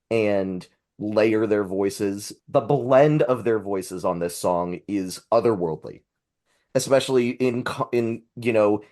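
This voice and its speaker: A man's voice: fairly low pitch, darkish tone. A man talking about music in casual discussion, earnest and effusive in his praise.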